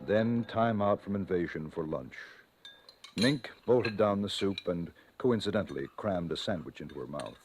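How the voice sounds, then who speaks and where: A man playing the wry narrator of an old-time radio suspense tale, with dramatic, deliberate literary phrasing. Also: low voice, darkish tone, natural voice. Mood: quietly ominous. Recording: noisy old radio recording.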